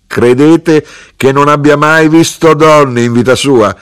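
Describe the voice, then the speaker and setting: A man's voice: fairly low pitch, animated, normal speed, a little mellow, no room sound, studio quality, voice pushed up, close to an everyday voice. A man reading an audiobook and voicing a proud, insistent mother of fifty who teases and boasts. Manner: insistent, teasing, self-satisfied. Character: proud, bossy middle-aged mother, fifty.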